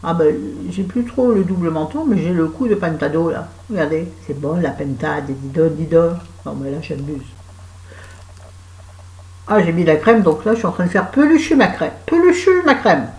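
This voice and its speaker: A woman's voice: deep voice, normal speed, darkish tone. Woman with a cold, chatty vlog. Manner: self-mocking, digressive, talks to viewers. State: has a cold, sore throat. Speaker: vlogger. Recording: echoey room.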